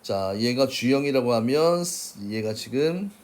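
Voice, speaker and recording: A man's voice: medium pitch, expressive, unhurried, darkish tone, slight background noise. A man teaching science, working through workbook problems in a casual lecture and often checking with "그치?". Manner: casual, checks in with frequent "그치?" tags; refers to himself as 쌤.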